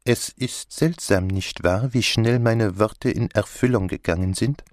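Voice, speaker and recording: A man voicing a courteous, self-assured elderly Belgian detective in an audiobook, speaking deliberately. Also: lowish voice, a little mellow, no room sound, studio quality, natural voice. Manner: measured, polite, deliberate. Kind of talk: audiobook character voice.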